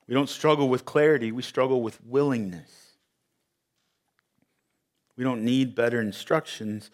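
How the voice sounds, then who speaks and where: A man's voice: a little high, a bit bright. A man preaching a sermon to a church congregation, telling a story in an emphatic, conversational way with a few fillers. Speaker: pastor. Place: church sanctuary with audience.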